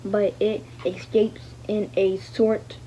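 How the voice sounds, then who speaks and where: Slow and mellow, a woman's mid-range voice keeps a level tone as she hesitantly reads a novel aloud, the way a learner would. She stumbles on words, repeats fragments and reads out the punctuation. The lo-fi recording is dull and faintly noisy.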